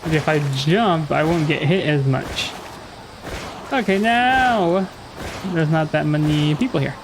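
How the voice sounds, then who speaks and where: A man's voice: fairly high pitch, expressive, measured pace, noisy background. A man giving casual let's play commentary as he reacts to a video game. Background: video game music.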